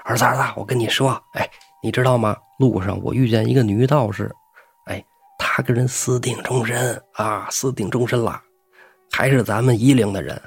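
Brief: gossipy, quick-tempered mother, put on by a male narrator. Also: mid-range voice, fairly even intonation, slightly rough, faint music behind. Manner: chatty, scolding.

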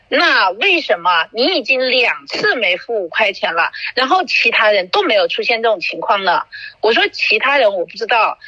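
Bright-voiced woman telling a story. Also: medium pitch, no room sound, highs cut off. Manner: animated storytelling, acts out quoted dialogue. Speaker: podcast host. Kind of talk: casual chat.

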